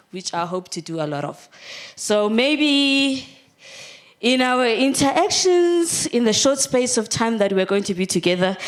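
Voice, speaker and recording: A woman from Cape Town, a guest speaker in church, introducing herself chattily with many ums and then leading a prayer. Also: fairly high pitch. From Cape Town, South Africa. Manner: chatty, with many filler ums; repeats "dear God" in prayer. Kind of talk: church talk and spoken prayer. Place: church hall.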